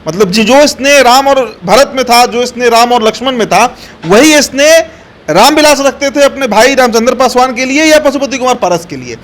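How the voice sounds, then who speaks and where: A man's voice: extremely high pitch, animated, moderate pace, fairly bright tone. A man giving political commentary, assertive and explaining step by step with frequent fillers. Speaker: political analyst.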